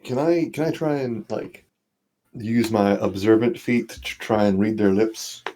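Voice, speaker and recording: A man's voice: lowish voice, expressive, measured pace, dark tone, slight background noise. A man playing in a tabletop game, talking in a casual, easygoing way. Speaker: player.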